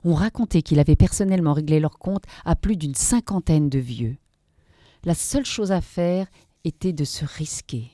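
A woman narrating a dark story in a measured, dramatic reading. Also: low voice, no room sound, studio quality.

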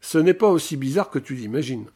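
A man's voice: mid-range voice, animated, brisk, warm tone, slightly rough. A man reading aloud, voicing a pushy, chatty pregnant woman who is the heroine's old college friend, talking eagerly and insistently.

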